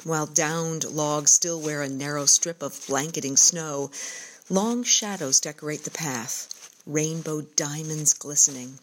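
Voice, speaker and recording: A woman narrating her own outdoor journal in a calm, descriptive, reflective first-person way. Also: low-pitched, a little slow, poor audio.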